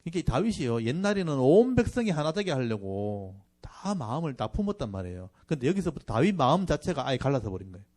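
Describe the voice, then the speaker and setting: A male pastor leads a Bible lecture and explains each passage in an easy, conversational way. He slows down and leans on the words when he reads the verses aloud. His voice sits in an ordinary middle pitch for a man. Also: big pitch swings, a little mellow. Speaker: pastor teaching a Bible class.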